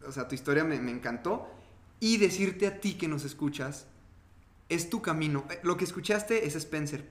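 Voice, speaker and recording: A man's voice: fairly high pitch, echoey room. A man with a Mexican accent co-hosting a casual podcast, talking animatedly and acting out other people's reactions. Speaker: podcast co-host.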